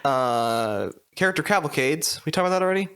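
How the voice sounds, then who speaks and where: A man from Minnesota co-hosting a casual podcast, talking in a relaxed, halting way with restarts. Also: on the high side, clean tone. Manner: relaxed, halting, many restarts and quick reactions. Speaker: podcast co-host.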